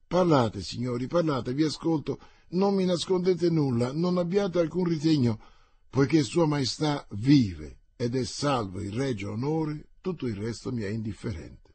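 A man's voice: medium pitch, expressive, normal speed, mellow, slightly rough, dry recording. A man voicing a proud, anguished exiled queen who pleads urgently for news. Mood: imperious, pressing.

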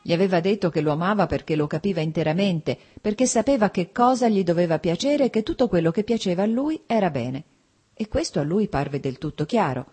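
A woman narrating a classic novel as an audiobook in a measured, steady way. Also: fairly low pitch, husky, soft background music.

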